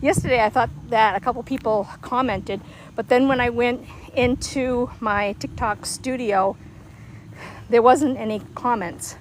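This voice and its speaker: A woman's voice: a little high, measured pace, slight background noise, low-quality recording. Chatty winded woman walking outside. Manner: rambling, chatty, laughs easily. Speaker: livestream host. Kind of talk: casual livestream chat. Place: outdoors, walking.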